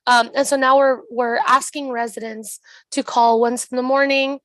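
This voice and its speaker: A woman in her twenties with an American accent and a hoarse voice, explaining an issue at a public meeting over a video call. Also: sits high, flat delivery, normal speed, fairly bright tone, a little hiss or hum. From Southeast Los Angeles, United States. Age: 20s. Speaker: mayor presenting at a public meeting.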